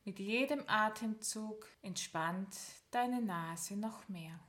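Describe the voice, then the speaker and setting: Step by step and in a calm mid-range voice, a woman guides a progressive muscle relaxation, slowly counting down with lengthy pauses between counts.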